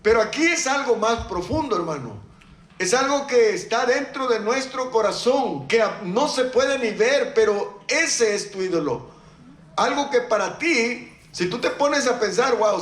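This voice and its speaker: High-voiced man preaching in an echoey hall. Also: expressive, unhurried, a bit bright. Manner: conversational, asks the congregation questions, jokes. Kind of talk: sermon. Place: church.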